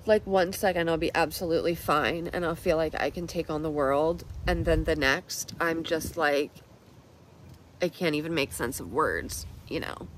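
A woman's voice: sits low, moderate pace, slight background noise, low-quality recording. A woman in her thirties talking through an emotional personal vlog, rambling and self-deprecating, close to tears. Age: 30s. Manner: rambling, tearful, self-deprecating, with nervous laughs. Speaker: vlogger.

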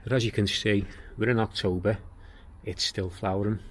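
A man giving a casual tour of his walled garden outdoors, talking in a plain-spoken, unhurried way as he walks and explains. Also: fairly low pitch, fairly even intonation. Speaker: gardening vlogger.

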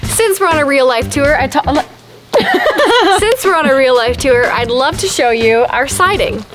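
Giggly high-voiced woman on a cabin tour. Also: expressive, a little slow. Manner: giggly, self-deprecating, laughs often. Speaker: vlogger. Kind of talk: casual walking home tour. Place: outdoors at a forest cabin homestead. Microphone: handheld camera at arm's length.

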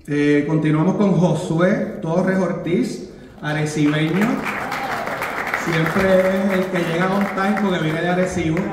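A man's voice: on the high side, very noisy. A Puerto Rican man casually announcing a cast to a live crowd, joking and teasing as he goes, mixing in English words. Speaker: producer presenting a musical's cast. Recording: echoey hall with long reverb.

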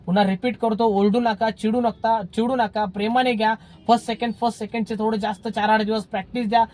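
A man talks straight to his viewers as a driving instructor, his voice sitting high for a man. He speaks earnestly and keeps circling back to the same pleading advice in a casual, conversational way. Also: level tone, fast, darkish tone.

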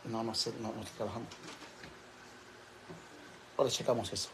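A man's voice: lowish voice, steady tone, brisk, noisy background. A man with a Mexican accent vlogging casually at home, campy and theatrical, cooing at his pets and swearing freely. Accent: Mexican Spanish. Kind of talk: casual home vlog chat. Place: home with pets and fish tanks.

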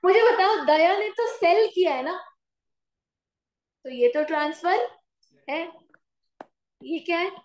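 High-voiced woman teaching in an echoey room. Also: expressive. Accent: Indian English mixed with Hindi. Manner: dictates notes slowly, asks students questions. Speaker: commerce teacher. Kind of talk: classroom lecture.

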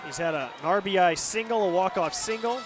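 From a stadium broadcast booth, an American man calls live baseball play-by-play on radio, clipped and descriptive, reciting stats in a voice that sits high and moves a little fast. Music plays beneath him, and loud crowd noise and ballpark ambience fill the recording.

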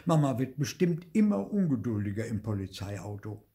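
A man's voice: mid-range voice, very animated, moderate pace, warm tone. An older man voicing a scared little boy of five who murmurs anxiously to himself in a read-aloud storybook. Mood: worried.

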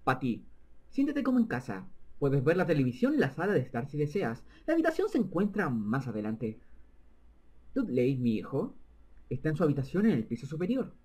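A man's voice: on the high side, wildly swooping pitch, fairly quick, a little mellow, breathy edge, exaggerated voice. A man reading the lines of a stern, formal middle-aged father in a video game.

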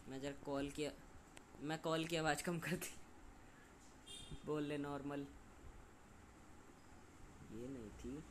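A young man streaming a game and chatting loudly with friends on a call, joking and complaining as he plays. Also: a little high, fairly even intonation, takes it slowly, pauses often, slight background noise. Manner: loud, joking banter with friends. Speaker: gaming streamer.

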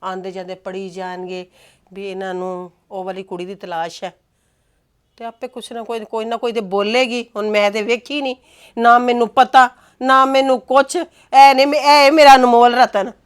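A sharp-tongued middle-aged mother, played by a woman, in a homemade family drama. Her voice sits high, and she talks with sarcasm and theatrical exclamations as she scolds her son. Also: fairly even intonation, moderate pace, smooth, close to an everyday voice. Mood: mocking. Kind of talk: web drama acting.

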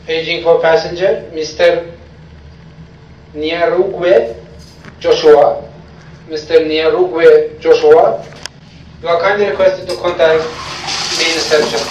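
A man making a slow, formal paging announcement over a public address loudspeaker in an airport lounge. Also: on the high side, fairly even intonation. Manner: slow, measured, formal delivery. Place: airport business class lounge. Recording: distant echoing loudspeaker, dull, with ambient noise.

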